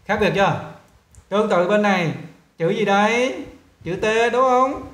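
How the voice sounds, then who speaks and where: A male English teacher with a Vietnamese accent, walking students through pronunciation and repeating model words slowly while checking whether they follow. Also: sits high, fairly bright tone, reverberant. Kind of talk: pronunciation lesson.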